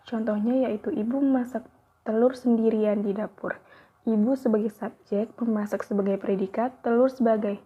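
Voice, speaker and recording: Through tinny, phone-like audio, a young woman studying at university reads out a grammar lesson in a fairly high, husky voice. Her reading is careful and evenly paced, with a few small slips.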